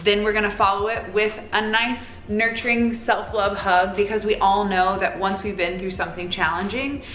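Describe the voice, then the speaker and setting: A woman's voice: medium pitch, fairly even intonation, normal speed, fairly bright tone. Woman guiding breathwork, echoey room. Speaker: yoga breathwork instructor. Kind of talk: guided breathing instruction. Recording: roomy echo, faint music behind.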